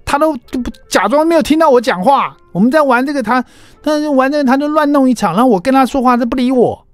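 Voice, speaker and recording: A man voicing a whiny eight-year-old boy who tattles to his dad in a shrill, complaining way. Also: lively intonation, quick pace, no echo, faint music behind. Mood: aggrieved. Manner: shrill, complaining, repeats himself.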